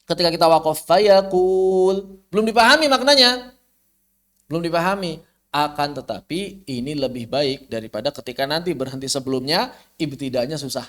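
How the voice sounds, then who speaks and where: A man teaching Quran recitation rules in an online lesson, explaining with rhetorical questions and chanting Arabic verses slowly. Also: a little high, expressive, a bit bright. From Indonesia.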